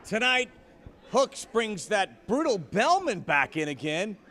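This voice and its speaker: A male wrestling co-host with a notably high voice. He hypes the card and trades banter in a sports show style. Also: very animated, slow pace, very noisy.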